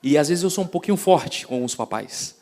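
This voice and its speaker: A male pastor preaches with a voice a touch higher than most men. He drives his points home loudly, then drops almost to a whisper. He doubles back on phrases as he speaks. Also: expressive, moderate pace. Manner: emphatic preaching with sudden swings from loud to hushed; repeats and restarts phrases. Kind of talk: sermon.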